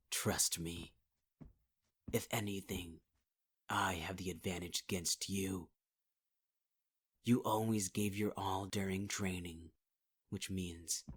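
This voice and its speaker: A man with a low, husky, somewhat bright voice portrays a possessive male villain in an ASMR audio roleplay. Close to the microphone, he half-whispers taunts and addresses the listener as sweetheart.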